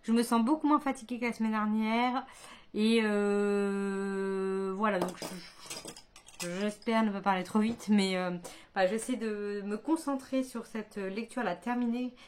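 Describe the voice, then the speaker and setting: Book vlogger, woman, mid-range voice, rambling and halting, chatty home recording. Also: mid-range voice, fairly even intonation, a little hiss or hum. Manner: hesitant, many fillers and restarts; chatty, thinking aloud. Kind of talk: casual chat.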